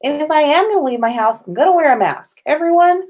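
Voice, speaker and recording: Talking fast in a high-pitched, expressive voice with a darkish tone, a woman hosts a casual podcast livestream from indoors at home. She banters informally with viewers, mixing in swear words and giggles.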